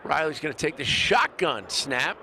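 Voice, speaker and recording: A man doing brisk, upbeat play-by-play commentary of a live football game from a stadium booth. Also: fairly high pitch, sing-song. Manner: brisk, upbeat calling of plays. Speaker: play-by-play announcer. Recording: broadcast mix with clear stadium noise.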